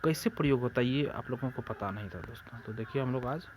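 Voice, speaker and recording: Speaking fast in a mid-range voice against a noisy background, a Bihari-accented Hindi teacher works through exam grammar. His style is repetitive: he fields his own questions and keeps turning to address friends.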